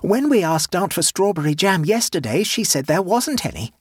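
Man voicing a clever, cheeky storybook boy; lifted pitch, sly innocence. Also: very animated, moderate pace, husky, no echo, studio quality, full character voice. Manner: innocent but sly, gleeful.

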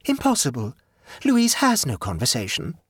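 A man's voice: medium pitch, wildly swooping pitch, normal speed, husky, dry recording, clean studio sound, pitched above the performer's own voice. A man voicing a cheerful, absent-minded society woman who chatters and rambles. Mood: rambling. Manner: breezy, rambling.

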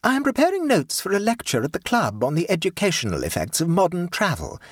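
A man's voice: high voice, huge pitch swings, fast talker, slightly rough, no echo, clean studio sound, voice pushed up, full character voice. A man voicing an elderly, prim and fussy society duchess, gushing and pompous, in an audiobook. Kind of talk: audiobook character voice.

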